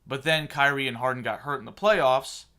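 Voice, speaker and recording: A man's voice: mid-range voice, normal speed, pushed and bright. A man in his thirties hosting a casual sports podcast, opinionated and sarcastic as he rants. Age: 30s. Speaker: podcast host.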